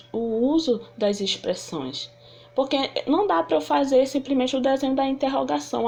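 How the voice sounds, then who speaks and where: A woman teaching a sign language lesson, acting out example phrases and thinking aloud with restarts. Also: gravelly. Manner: acts out example phrases with lively shifts of pitch. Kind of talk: online lesson.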